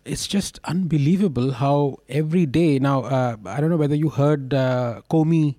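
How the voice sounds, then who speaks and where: A man speaks as a panelist in a casual political discussion. His voice is fairly high and mellow, recorded dry. He talks haltingly, often searching for the next word. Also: no room sound.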